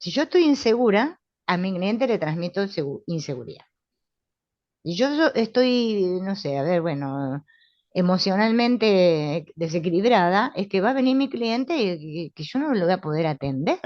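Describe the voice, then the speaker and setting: A middle-aged woman with a Rioplatense Spanish accent, calmly and confidently teaching a spiritual therapy class, often asking "right?". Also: on the low side, normal speed, no room sound. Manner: calm, assured, with frequent tag questions. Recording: dull, lo-fi sound.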